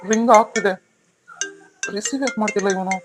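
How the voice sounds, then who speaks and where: A voice actor playing a calm, reasoning young husband in a cartoon story. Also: mid-range voice, fairly quick, over music, close to an everyday voice.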